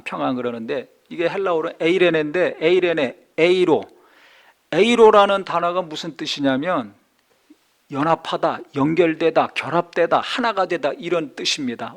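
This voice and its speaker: A man preaches in a church, his voice pitched high. He moves from soft, probing questions to loud, climbing calls to his listeners. Now and then he slips into a sharp scolding tone to act out a quote. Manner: swings between soft asides and loud rising exhortation; acts out scolding quotes in a harsh voice. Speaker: pastor. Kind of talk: sermon. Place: church sanctuary.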